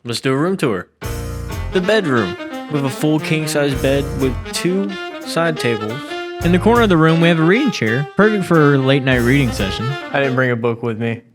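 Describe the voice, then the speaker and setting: A man's voice: mid-range voice, animated, fairly quick, music in the background. Upbeat man hosting a hotel vlog. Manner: upbeat, jokey. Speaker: vlogger and host. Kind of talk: casual hotel review vlog.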